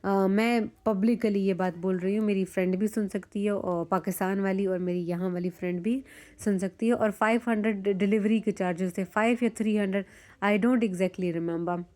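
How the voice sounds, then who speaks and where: A young woman from Pakistan talks through her day in a relaxed vlog voice-over. She tells it in a chatty, animated way, pausing on fillers as she goes. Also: medium pitch. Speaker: vlogger. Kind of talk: casual vlog narration.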